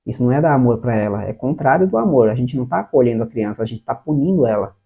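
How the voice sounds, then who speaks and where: Husky Brazilian man on a tinny line. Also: medium pitch, expressive, fast talker. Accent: Brazilian Portuguese. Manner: earnest, addresses the viewer directly, acts out short quoted lines. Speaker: parenting educator. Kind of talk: explanatory talk to camera. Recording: tinny phone-like sound.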